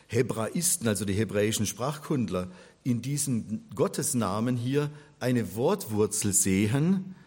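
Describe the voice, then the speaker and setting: A man's voice: mid-range voice, a little mellow, slightly rough. A man giving an explanatory religion lecture, patiently spelling things out step by step. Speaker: religion teacher.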